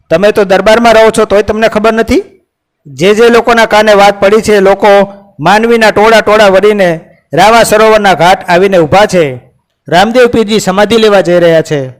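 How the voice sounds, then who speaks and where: A man with a notably high voice recounts a devotional legend. His telling is measured and unhurried, and he reads the characters' lines within the narration. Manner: measured, unhurried retelling with quoted dialogue. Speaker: storyteller.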